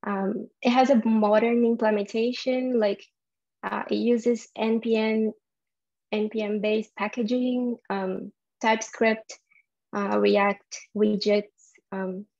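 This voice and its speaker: A woman's voice: mid-range voice, level tone, takes it slowly, creaky, darkish tone, highs cut off. A young woman from Brazil with a Brazilian Portuguese accent, presenting a tech talk and explaining things with frequent ums and uhs. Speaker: software developer giving a conference talk.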